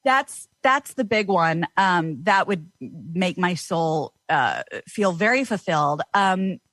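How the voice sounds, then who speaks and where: Lively woman guest, casual podcast chat, dry close mic. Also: lowish voice, takes it slowly, no echo. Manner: chatty, animated, exclamatory. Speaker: voice actor guest.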